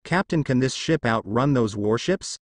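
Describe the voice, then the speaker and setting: A man with a mid-range voice, close to how people sound day to day, plays a proud, defiant princess. His delivery is expressive, formal and dignified at a moderate pace, recorded in a clean studio with no echo.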